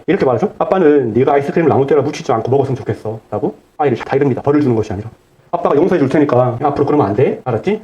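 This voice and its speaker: A pastor preaching at a very quick clip, his voice dark and mellow, a little higher than most men. He keeps asking the congregation questions and answering them himself, and he repeats key phrases. The recording sounds dull and muffled. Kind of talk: sermon.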